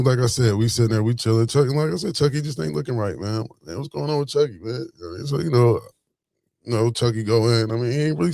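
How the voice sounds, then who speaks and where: A man's voice: medium pitch, vocal fry, dark tone, no echo. A man in his forties telling a story in a casual, rambling monologue full of fillers and restarts. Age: 40s.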